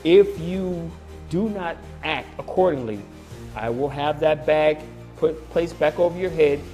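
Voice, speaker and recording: Guy judge, formal and firm, voice a bit high, faint music. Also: a little slow, warm tone. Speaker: TV court judge. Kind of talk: courtroom questioning.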